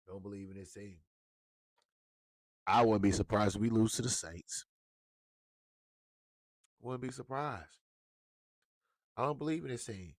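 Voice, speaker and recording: A man's voice: on the low side, darkish tone, no room sound. A man giving a blunt, profane, heated rant as a sports commentator. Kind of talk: ranting sports talk.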